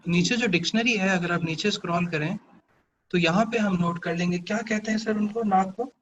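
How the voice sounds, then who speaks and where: A man's voice: sits high, fairly bright tone, dull audio, slight background noise. A man asking his teacher questions in an online class, hesitant. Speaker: student.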